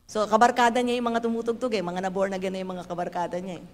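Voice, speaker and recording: A woman, giving a lively, playful church testimony. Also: medium pitch, fast talker, big-room sound. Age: 70s. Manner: animated, playful storytelling with acted dialogue. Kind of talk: sermon testimony.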